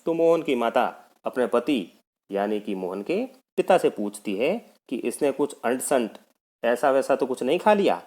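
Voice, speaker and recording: A male teacher reads a school text aloud to children and then explains it in plain words. His delivery rises and falls a lot, with a mid-range voice that keeps the lesson animated. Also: mid-range voice, normal speed. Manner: addresses children, explains idioms.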